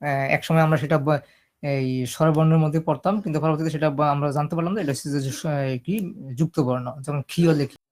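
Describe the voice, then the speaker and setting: A man teaching a screen-recorded typing lesson, explaining each step slowly and checking that his listeners are following. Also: fairly high pitch, steady tone, a little mellow. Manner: explains step by step, often checking "ঠিক আছে?". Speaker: computer typing instructor.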